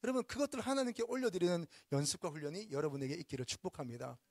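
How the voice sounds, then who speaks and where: A male pastor preaching a sermon, emphatic, with sudden swings between loud, urgent lines and soft, hushed ones. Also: sits high, expressive, rapid-fire, no echo, studio quality.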